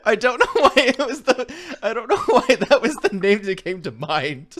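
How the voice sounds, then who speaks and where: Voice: mid-range voice, very animated, moderate pace, fairly bright tone. A player in a tabletop game chatting casually in a playful, giggly way. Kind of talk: casual chat.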